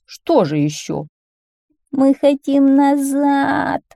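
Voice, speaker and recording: A woman's voice: big pitch swings, unhurried, warm tone, slightly rough, no room sound, clean studio sound, full character voice. Woman doing a wailing crowd of whiners. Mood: whining. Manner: high, wailing pleas. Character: whining crowd of townsfolk, wailing and complaining.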